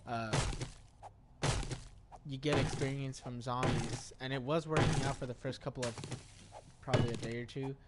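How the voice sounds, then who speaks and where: A man's voice: medium pitch, fairly even intonation, normal speed, pauses often. A man giving casual gameplay commentary as a streamer, rambling and often stammering and restarting his sentences. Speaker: game streamer. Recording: loud game noise underneath.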